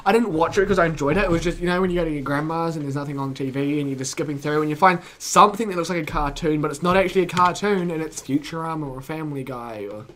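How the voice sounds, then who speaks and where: A man's voice: fairly high pitch, fast talker, few pauses, fairly bright tone, slight background noise. A teenage boy, casually reading facts aloud as a co-host, goofy and often stumbling over words.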